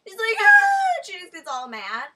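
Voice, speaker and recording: A teenage girl tells blonde jokes in a casual, rambling way, full of "like" and "um." Her voice is bright and slightly husky, pitched a little high. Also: fairly quick. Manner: chatty, rambling storyteller with many fillers. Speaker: vlogger telling jokes. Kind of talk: casual chat.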